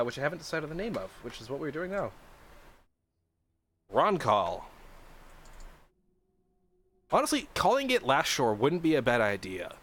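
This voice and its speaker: A man's voice: on the high side, a bit bright. A young man hosting a livestream, chatting casually and rambling with lots of swearing and restarts. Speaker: livestream host designing a game mod.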